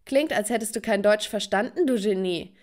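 A woman's voice: mid-range voice, moderate pace, a little mellow, natural voice. A woman voicing a smug, mocking teenage girl rival who taunts and sneers. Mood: taunting.

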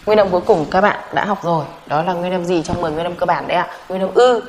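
A woman's voice: lowish voice, fast talker, a little hiss or hum, poor audio. A woman teaching a Korean vowel lesson in Vietnamese, patiently repeating each sound and asking the class questions she answers herself.

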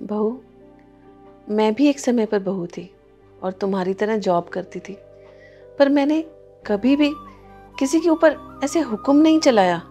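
An actress playing a gentle, patient older mother-in-law in a family short film, speaking softly and meekly. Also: fairly high pitch, unhurried, pauses often, dull audio, faint music behind, lightly acted. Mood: gently lecturing. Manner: soft-spoken, meek, turns lecturing when moved.

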